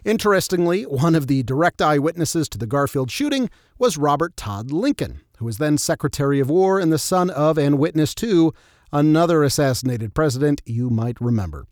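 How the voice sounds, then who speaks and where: A man's voice: fairly high pitch, expressive, a little fast, darkish tone, no echo, clean studio sound. A man narrating scripted history in a true crime storyteller's style, with wry, tongue-in-cheek asides. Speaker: narrator and host of a history show.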